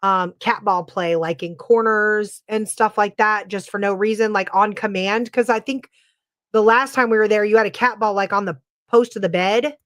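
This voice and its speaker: A woman's voice: medium pitch, fairly even intonation, normal speed, fairly bright tone. A woman hosting a podcast, telling stories in a casual, chatty way with plenty of filler words. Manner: chatty, filler-heavy storytelling. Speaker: podcast host. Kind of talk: casual chat.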